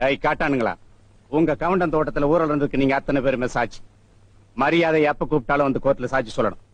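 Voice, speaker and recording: An actor playing an arrogant, bullying police inspector who swaggers and shouts threats. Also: male voice, mid-range voice, fast talker, no echo, highs cut off, close to an everyday voice. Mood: threatening. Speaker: police officer. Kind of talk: film comedy acting.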